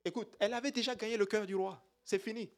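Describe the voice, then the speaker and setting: High-pitched preacher guy, sermon, shouts hallelujah a lot. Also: fairly even intonation, fast talker. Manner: exclamatory, punctuated with hallelujahs.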